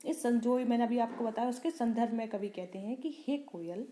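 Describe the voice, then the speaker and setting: A woman teacher explaining a poem line by line. She asks questions and answers them herself, and she slows down for the poem lines. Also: on the high side, mellow, roomy sound, a little hiss or hum. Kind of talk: Hindi poem explanation lesson.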